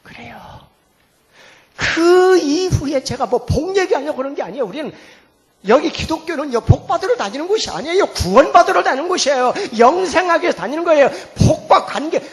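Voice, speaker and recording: A middle-aged man preaching as a pastor, telling a family story in a lively sermon that swings from hushed to loud. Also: very high voice, brisk. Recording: long hall reverb, faint music behind.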